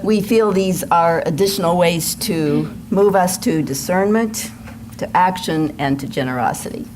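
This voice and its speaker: This worship associate speaks in a somewhat low, slightly mellow voice as she welcomes the congregation and reads announcements. Her manner is formal and measured, recorded live amid room noise at a church service.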